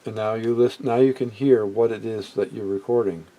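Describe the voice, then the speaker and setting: A middle-aged or older man with a fairly low, steady voice talks fairly quickly over dull audio. At home, with background noise, he demonstrates vintage electronics gear hands-on and unscripted. He muses hesitantly and tends to trail off mid-thought.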